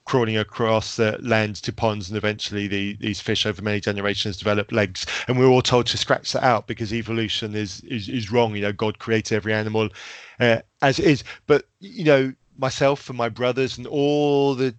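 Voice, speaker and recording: A man's voice: fairly low pitch, a bit bright, clear, resonant tone, no echo. A man who grew up in Zambia, a podcast guest speaking frankly and emphatically in casual discussion.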